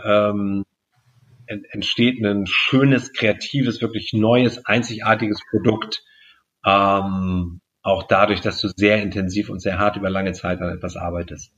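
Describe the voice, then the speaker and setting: A man being interviewed as a guest, explaining at length in a measured way with frequent fillers. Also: fairly low pitch, fairly bright tone, muffled recording. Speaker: guest speaker and magician. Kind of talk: podcast interview answers.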